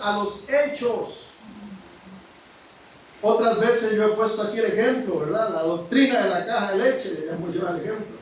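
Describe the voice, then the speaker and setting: Man, pastor, sermon, high voice, frank and direct, big swings in loudness, very echoey church hall, heard from afar. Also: a little hiss or hum. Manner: preaching with rising exclamations and sudden drops to a hush; frank, addresses the congregation directly. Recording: echoey hall, mic at a distance.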